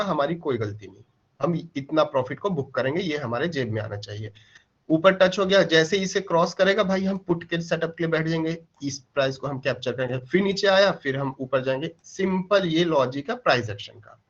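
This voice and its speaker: A man with a fairly high voice teaches a live online trading class on a close mic. He explains step by step, asks himself questions and checks whether the class follows. The audio sounds dull and lo-fi. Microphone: mic placed close.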